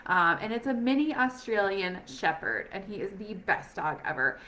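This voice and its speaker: A woman's voice: mid-range voice, very animated, normal speed, pushed and bright, a little hiss or hum. A woman talking casually and upbeat from home as a sales rep, with many fillers and restarts. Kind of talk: casual recruiting chat.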